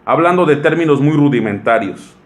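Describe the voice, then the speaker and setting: Pastor mexicano en sermón, voz de ritmo cambiante. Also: male voice, a little high, animated. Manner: slow, stretched-out word lists with sudden quick asides. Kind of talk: sermon.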